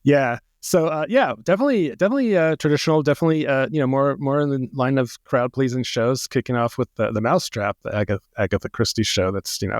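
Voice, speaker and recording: A man's voice: on the low side, no room sound, studio quality. A man co-hosting a theater podcast, talking casually and hesitantly, often repeating words as he goes. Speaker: podcast co-host.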